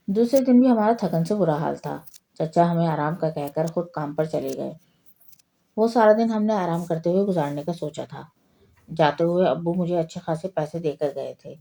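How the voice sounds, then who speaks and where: Female storyteller, low and very mellow tone, even reading of a spooky tale. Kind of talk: scripted horror story narration.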